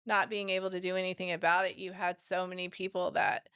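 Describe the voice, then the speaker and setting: A woman's voice: on the low side, little pitch movement, fast, a bit bright, clear, resonant tone. A woman, a business owner and podcast guest, telling her story in casual, frank conversation. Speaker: guest entrepreneur. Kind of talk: casual interview chat.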